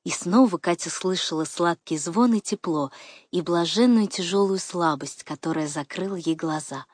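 A woman narrating an audiobook in an expressive, intimate way. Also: on the low side, normal speed, husky, dry recording, studio quality.

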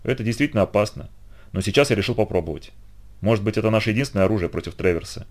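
A man voicing a calm, wise male centaur, speaking softly with gentle irony in an audiobook. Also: on the low side, racing, lightly acted. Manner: soft, calm, gently ironic.

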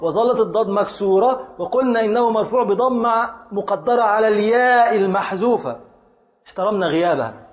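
A man with an Egyptian accent teaching grammar in a lecture, deliberate, repeating his points and quizzing the students. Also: sits high. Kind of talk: classroom lecture. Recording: echoey hall reverb.

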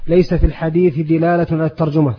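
Flat-voiced man reading classical text. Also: on the high side, racing, breathy edge. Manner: steady, formal recitation. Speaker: reader of the text. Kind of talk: reading classical commentary aloud. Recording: dull lo-fi old tape.

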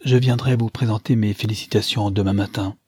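A man reading aloud, voicing an earnest, hurried young man. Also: on the low side, fairly even intonation, dark tone, slightly rough. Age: young adult.

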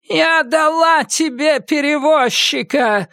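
A man voicing a monstrous, treacherous old witch with a high, shrill, strained voice in a dry recording. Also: lively intonation, slow, no echo. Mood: shrieking. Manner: hissing, then shrieking upward.

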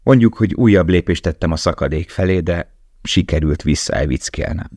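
A man voicing a loving, weary young male prisoner in an audiobook, speaking quietly and earnestly. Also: low voice, lively intonation, no echo, studio quality. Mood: brooding. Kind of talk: audiobook dialogue.

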